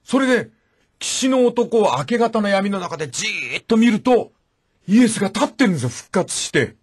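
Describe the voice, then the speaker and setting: Brief: male radio host, husky, very lively storyteller voice. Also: high voice, moderate pace. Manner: acts out the voices in the stories he retells. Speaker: radio talk show host. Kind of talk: animated storytelling commentary.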